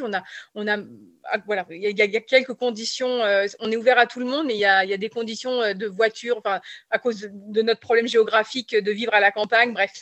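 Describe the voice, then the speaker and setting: A woman's voice: medium pitch, a bit bright, dry recording. Hesitant woman, dry close sound. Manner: halting, hesitant, full of pauses and restarts. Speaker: animal sanctuary co-founder, guest. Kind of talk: casual radio interview answers.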